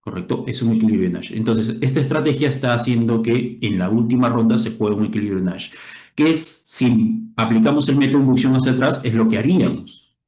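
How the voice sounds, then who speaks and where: Male lecturer, middle pitch, patient explainer who keeps checking for understanding, recorded with room echo. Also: a little fast, dark tone. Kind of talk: game theory lecture. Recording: roomy echo.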